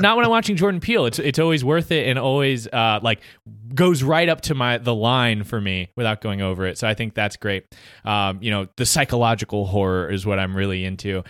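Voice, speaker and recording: Animated man co-hosting a movie podcast. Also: mid-range voice, clear, resonant tone, no echo, clean studio sound. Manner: animated, laughs often, quick bursts. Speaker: podcast co-host. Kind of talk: casual movie review chat.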